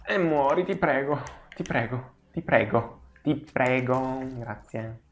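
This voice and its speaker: A man hosting a gaming channel, giving excitable let's play commentary, swearing and pleading with the enemies on screen. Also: mid-range voice, slow, slight background noise.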